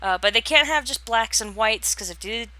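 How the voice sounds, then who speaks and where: A young woman who hosts a gaming channel gives casual voice-over commentary on a home build she made in a game. Her bright, forward, animated voice sits on the high side at a moderate pace, and she rambles hesitantly with many fillers and restarts, yawning and laughing as she talks. The recording is dry, with no room sound.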